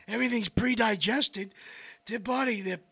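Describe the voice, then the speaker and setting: A man hosting a casual health talk, rambling and speaking straight to his viewers with lively asides. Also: sits high, normal speed, creaky, slightly rough, no echo. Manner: rambling, addresses folks directly, animated asides. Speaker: host.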